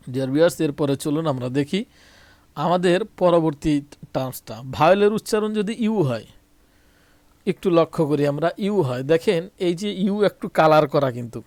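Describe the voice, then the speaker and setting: A man's voice: fairly high pitch, a little mellow, no room sound. A man with a Bangladeshi Bengali accent teaching English grammar, repeating points and speaking to viewers directly. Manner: repetitive, addresses viewers directly, self-corrects. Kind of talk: explaining a lesson to viewers.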